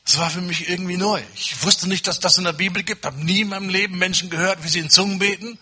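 A man preaching a personal testimony, telling his story dramatically and acting out the dialogue, with sudden swings from loud to hushed. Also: sits high, steady tone, fast talker, husky. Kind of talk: testimony sermon.

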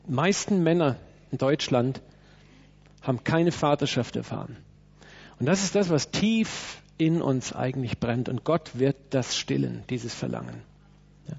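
A man's voice: mid-range voice, expressive, a little slow, gravelly, a little mellow, slightly rough. A man preaching a sermon in a church, speaking emphatically and turning to address people in the room. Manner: emphatic, with acted quotes and direct asides to listeners. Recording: dull, lo-fi sermon recording.

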